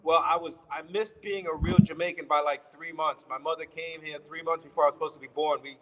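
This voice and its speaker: His voice is on the high side, steady in tone, pushed and bright, and a little fast. A guest author from Brooklyn, New York, he rambles through his life story in an interview, correcting himself along the way with easy laughter, on a dull-sounding recording with long reverb.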